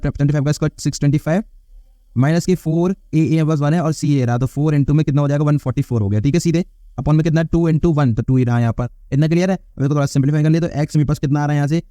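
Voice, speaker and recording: A man's voice: a little high, warm tone, no echo, clean studio sound. A young man teaching a math problem step by step in a chatty style, checking in with his listeners again and again. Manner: chatty, often says "thik hai bhaiya" and "dekhiye". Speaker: math tutor. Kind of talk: whiteboard lesson explanation.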